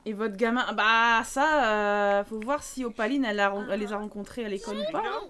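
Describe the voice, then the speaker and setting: A woman's voice: mid-range voice, animated, brisk, a crowd in the background. A woman chatting casually as she streams a life-sim game, teasing the characters and talking to them.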